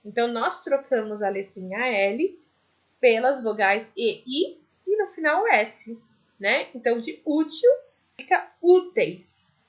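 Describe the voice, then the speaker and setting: A woman's voice: a little high, lively intonation, unhurried. A woman teaching a primary school class in a recorded video lesson, with a Brazilian Portuguese accent, patiently explaining each step.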